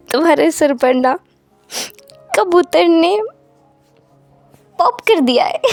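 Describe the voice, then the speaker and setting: A woman with a high voice tells a fanfiction story, lively and expressive in her delivery. Faint music plays softly behind her. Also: no room sound.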